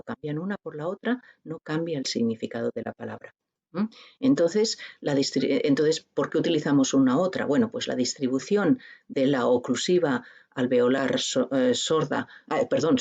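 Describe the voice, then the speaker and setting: A woman lecturer with a peninsular Spanish accent, her voice husky and touched with gravelly fry. She works through the material patiently and informally, turning to her students again and again to check they are following. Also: sits low, a little mellow, highs cut off. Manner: explanatory, checks in constantly with tag questions. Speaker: linguistics lecturer. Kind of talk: university lecture.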